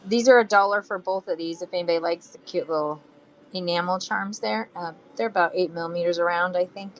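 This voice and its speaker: A live auction seller, a woman with a lowish voice, chats casually and briskly with buyers on a live selling stream while showing beads and charms. Her throat sounds a bit phlegmy, and she hums and sings to herself between items. The recording is low quality with slight background noise.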